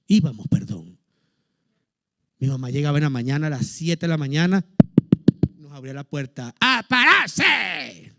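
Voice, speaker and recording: Pastor, man, middle-aged, high-pitched, humorous and fervent, dry close mic. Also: dry recording. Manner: lively preaching with humorous asides, rising to fervent exhortation. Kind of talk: sermon.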